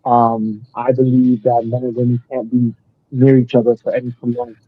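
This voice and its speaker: A man's voice: medium pitch, little pitch movement, normal speed, slightly rough, no room sound. A man on a remote call whose voice comes through muffled, as if heard through a wall. He speaks emphatically in blunt declarations during a casual group chat. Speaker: podcast panelist. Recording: dull, muffled call audio.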